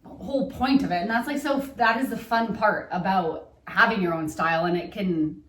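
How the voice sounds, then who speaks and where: A woman's voice: mid-range voice, moderate pace. Young woman cohost, easygoing, says like a lot, echoey room, mic a bit far. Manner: relaxed and agreeable, many "mm-hmm" and "like". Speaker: podcast co-host. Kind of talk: casual chat. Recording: roomy sound, distant from the mic.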